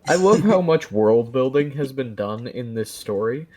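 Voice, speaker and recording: A man's voice: mid-range voice, lively intonation, moderate pace, warm tone. A young man giving sarcastic, exasperated commentary and ranting about a story.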